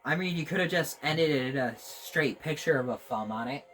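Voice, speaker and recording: A man's voice: fairly high pitch, expressive, brisk, fairly bright tone, soft background music. A man joining a friend's game session, chatting casually and making joking, wry asides. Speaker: friend co-commentating. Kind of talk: casual let's-play chat.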